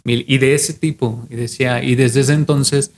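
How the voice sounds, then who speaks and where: A young podcast co-host with a Mexican accent retells a legend from memory in an easygoing way, often restarting and repeating phrases. His mid-range voice is darkish and steady, moving at a moderate pace.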